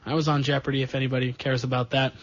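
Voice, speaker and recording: A man's voice: medium pitch, little pitch movement, rapid-fire, no echo. A man hosting a sports podcast, talking casually with sarcastic jokes and asides. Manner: chatty, jokey, sarcastic asides. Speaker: podcast host. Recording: dull lo-fi sound.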